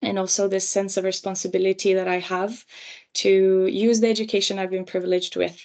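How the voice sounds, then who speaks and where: A young woman raised in Romania and Finland, giving a measured career panel talk with frequent ums and uhs. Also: mid-range voice, level tone, darkish tone.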